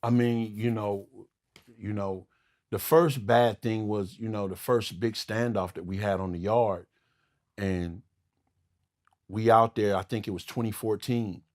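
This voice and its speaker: A man's voice: fairly low pitch, fairly even intonation, measured pace, a little mellow. A man guest in an interview, recalling his past hesitantly with many fillers. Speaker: podcast guest, former prisoner. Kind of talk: interview storytelling.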